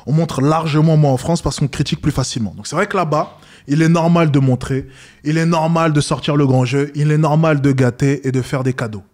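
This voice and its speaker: A man's voice: steady tone, fairly quick, a little mellow. A man giving scornful reaction commentary, lecturing and mocking the people in the clip. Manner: mocks others with high squeaky voices.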